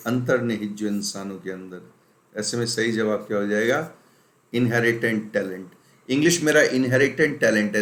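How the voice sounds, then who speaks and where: A man's voice: mid-range voice, a bit bright. A man from India teaching an exam-prep vocabulary lesson. He speaks with emphasis, repeats words to drill them and mixes in English phrases. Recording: roomy echo.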